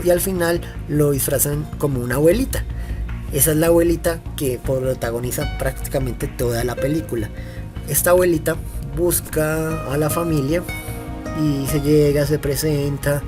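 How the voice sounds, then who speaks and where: A man giving a casual film commentary, retelling the plot in a meandering, halting way with frequent restarts. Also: a little high. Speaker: film reviewer.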